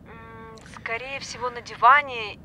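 In a naturalistic audio drama, an actress lightly plays a chatty, apologetic young doctor who moonlights as a stripper, sounding hesitant and informal. Her high female voice keeps a steady tone at an unhurried pace, with crowd noise around her.

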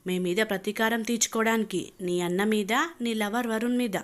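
A woman's voice: mid-range voice, fairly even intonation, normal speed, lightly acted. A woman voicing a cruel, vengeful young husband who talks in a cold, taunting, menacing way.

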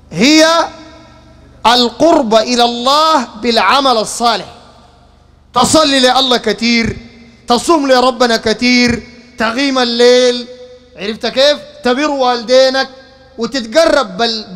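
A man preaching to a gathered crowd in Sudanese Arabic, his voice pitched very high for a man. He speaks rhetorically, throws question after question at his listeners and keeps pulling their attention back to him. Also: a bit bright. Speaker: preacher giving a public lecture. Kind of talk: public religious lecture.

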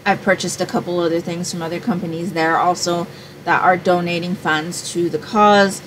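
A woman's voice: on the low side, steady tone, normal speed, fairly bright tone, slight background noise, low-quality recording. Chatty woman vlogging from home. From Hawaii. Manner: chatty, rambling, thinks aloud with many fillers. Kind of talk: casual chat to camera. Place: small room at home, indoors.

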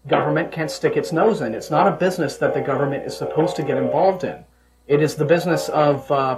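Higher-pitched man co-hosting a talk show. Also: low-quality recording. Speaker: call-in show co-host. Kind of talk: casual panel talk. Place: small TV studio.

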